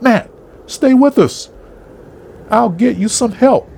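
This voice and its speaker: A man doing a frantic, shouting man. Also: extremely high pitch, slow, a little hiss or hum, pitched above the performer's own voice. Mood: urgent. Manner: loud, urgent calling.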